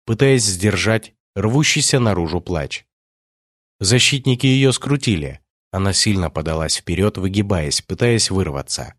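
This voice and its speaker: A man narrating an audiobook in a steady, measured reading. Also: fairly low pitch, dry recording, clean studio sound. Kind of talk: scripted narration.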